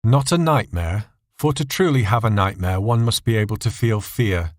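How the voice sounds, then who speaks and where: Male story narrator, dark scripted fiction, low pitch, close dry sound. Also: animated, moderate pace, no room sound.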